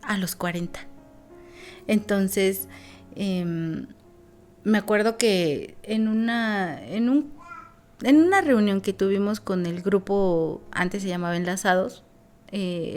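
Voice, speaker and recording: A woman's voice: mid-range voice, darkish tone. A woman, a guest sharing a personal testimony in an earnest, reflective way, with many fillers.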